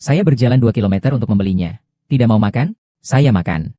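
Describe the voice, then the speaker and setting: A man reading every part of a dubbed drama in a plain, even way. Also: lowish voice, quick pace, no echo.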